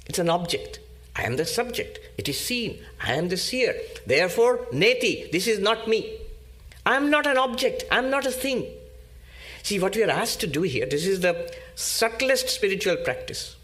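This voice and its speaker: A man giving a spiritual discourse as a monk, teaching slowly and emphatically with pauses and repetition. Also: high voice, a bit bright.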